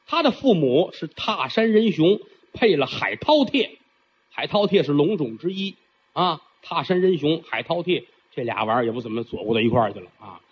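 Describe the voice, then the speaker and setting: A man's voice: on the high side, big pitch swings, normal speed, a little hiss or hum. A man performing traditional storytelling, theatrical and chatty, with frequent asides to the listener. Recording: dull lo-fi recording.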